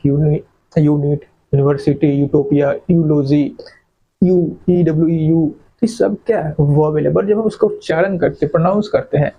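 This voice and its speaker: Husky male teacher. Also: on the high side, warm tone, dull audio. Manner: asks questions and answers them himself, repeats key words. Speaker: English teacher. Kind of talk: classroom grammar lecture.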